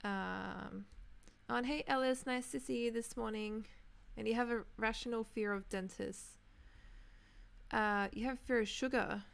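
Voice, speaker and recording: A young Australian woman in her twenties talks casually with her viewers as she plays, rambling from topic to topic. Her voice has a gravelly fry at the ends of phrases, yet stays smooth and clear. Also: fairly high pitch, fairly even intonation, unhurried. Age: 20s. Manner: chatty, rambling, answers viewers' comments. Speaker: Minecraft streamer. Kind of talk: casual chat while gaming.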